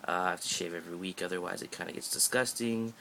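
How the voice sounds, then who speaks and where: Filming himself on an arm's-length phone, a sixteen-year-old Canadian vlogger chats and jokes his way through an update, often stopping to restart. His low voice is fast and gravelly, with a bright, forceful bite, over a light background hiss.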